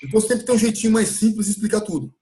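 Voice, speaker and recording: A Brazilian man with a notably high-pitched voice leads a live English lesson. He explains patiently and drags out words slowly so that listeners can copy the pronunciation. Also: mellow. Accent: Brazilian Portuguese. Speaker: English teacher. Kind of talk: live online class recap.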